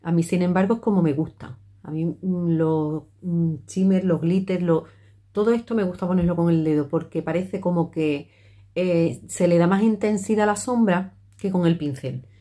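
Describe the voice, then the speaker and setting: A woman's voice: fairly low pitch, moderate pace, dark tone. A middle-aged woman, chatting her way through a makeup tutorial with many fillers and restarts. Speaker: makeup vlogger.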